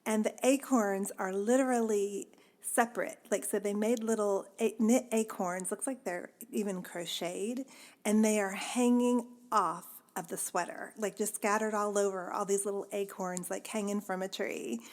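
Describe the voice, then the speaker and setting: A woman's voice: medium pitch, fairly even intonation, normal speed. A woman hosting a podcast in a chatty, casual way, laughing often and using many fillers. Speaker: podcast host. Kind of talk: casual chat.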